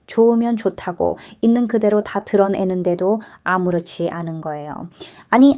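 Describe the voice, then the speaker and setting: Young aussie woman youtuber, warm mellow voice, earnest scripted storytelling straight to viewers. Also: mid-range voice. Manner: earnest, addresses viewers directly.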